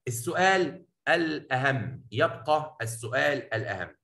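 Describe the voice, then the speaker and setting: A man with an Egyptian Arabic accent teaching a poetry lesson in a classroom, talking affectionately to his students and mixing Arabic with slowly read English lines. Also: mid-range voice, sing-song, creaky, bright, forceful tone, roomy sound, poor audio. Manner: affectionate, addresses students as "habibi" and "baba"; mixes Arabic explanation with slow English reading.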